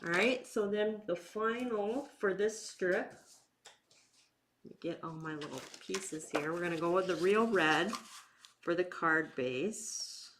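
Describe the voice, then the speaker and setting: A woman's voice: fairly low pitch, fairly bright tone, a little hiss or hum. A woman giving a casual, step-by-step craft demonstration in an informal way, talking as she works with her hands. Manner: informal, unhurried, talking while working with hands. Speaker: craft instructor and bingo night host.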